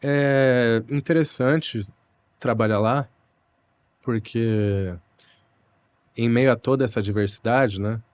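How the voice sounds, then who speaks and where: In a muffled recording, a medium-pitched man speaks as a guest in a relaxed conversational interview. A young Brazilian who teaches Portuguese, he's thoughtful and unhurried, with frequent "né" and "puxa" fillers.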